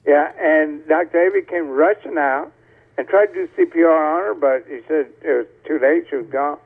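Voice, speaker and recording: A man's voice: a little high, brisk. A man from Tampa calling in to a show, telling a rambling story over a clipped phone line and correcting himself as he goes. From Tampa, Florida. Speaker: caller. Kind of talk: casual call-in storytelling. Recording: tinny phone call on a TV show.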